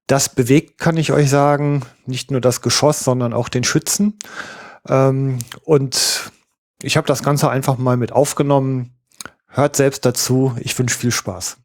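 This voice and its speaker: A man's voice: medium pitch, fairly even intonation, unhurried. A man hosting a hunting podcast, introducing the episode in a chatty, informal way with frequent fillers. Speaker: podcast host and hunter. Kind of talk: podcast intro and field interview.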